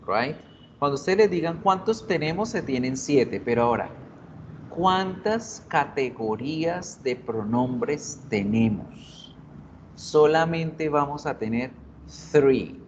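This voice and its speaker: A man teaches a bilingual English class on video, patiently repeating words so students can drill them. His medium-pitched voice is expressive and unhurried, and the recording is dull and lo-fi with faint noise.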